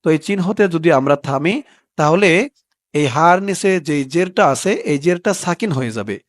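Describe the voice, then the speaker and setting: A man teaching Quran reading, spelling out letters and vowel marks and then chanting the verse slowly. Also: fairly high pitch, dry recording, studio quality. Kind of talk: spelling-out recitation lesson.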